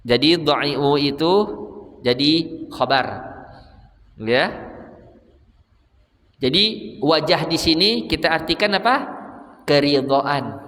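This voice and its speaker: A male preacher teaches in a reverberant mosque hall. His voice sits high and sounds bright and forceful. He keeps the lecture light, asking questions and answering them himself. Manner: humorous, asks and answers own questions. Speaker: religious teacher.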